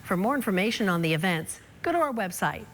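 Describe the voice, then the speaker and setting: A woman's voice: medium pitch, big pitch swings, quick pace, a bit bright, slight background noise. A woman with an American accent reading scripted local news as a TV anchor.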